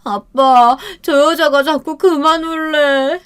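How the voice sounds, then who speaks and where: A woman's voice: sits high, steady tone, pitched above the performer's own voice. Woman doing a weepy drunk husband. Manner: slow, whiny drawl.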